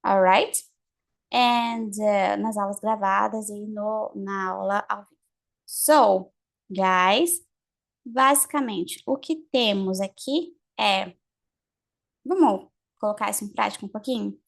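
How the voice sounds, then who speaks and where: A woman teaching English pronunciation, explaining in Portuguese and repeating English example phrases slowly for students. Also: mid-range voice, vocal fry. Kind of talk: online lesson, mixing Portuguese and English.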